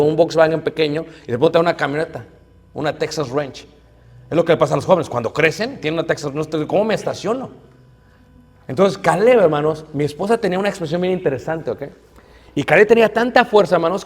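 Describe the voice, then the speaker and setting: A middle-aged man preaching a sermon, telling stories and acting out the people in them. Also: on the high side. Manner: animated storytelling, acts out quoted voices. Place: church hall. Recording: church hall reverb.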